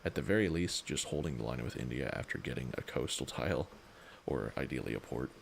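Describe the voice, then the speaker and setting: Deep, gravelly, exhausted man. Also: lively intonation, fairly quick, a little hiss or hum. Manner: tired, rambling, thinking aloud. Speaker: streamer. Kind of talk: casual strategy game livestream commentary.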